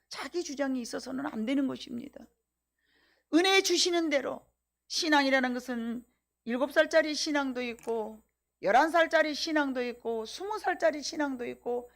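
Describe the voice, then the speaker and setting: A middle-aged woman pastor delivers a sermon in a high voice. She preaches with emphasis and often turns to the congregation with rhetorical questions.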